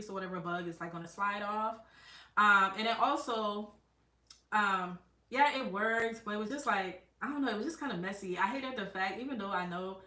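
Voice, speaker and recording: A woman's voice: mid-range voice, pushed and bright, distant mic. Chatty woman hosting a gardening livestream. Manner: chatty, rambling, frequent fillers and restarts. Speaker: gardening channel host. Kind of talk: casual live-stream chat. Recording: roomy sound from away from the mic.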